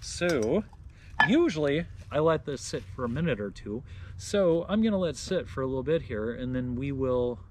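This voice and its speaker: A man casually demonstrating camping coffee gear, chatty and relaxed, thinking out loud as he goes. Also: mid-range voice, moderate pace, slight background noise. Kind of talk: casual product demo.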